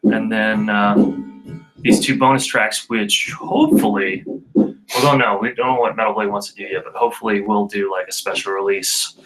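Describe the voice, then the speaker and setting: A man's voice: fairly low pitch, moderate pace, a bit bright, faint music behind, rough recording. A man from a band casually chatting on a studio livestream, laughing often and rambling through restarts. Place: recording studio with drums being tracked.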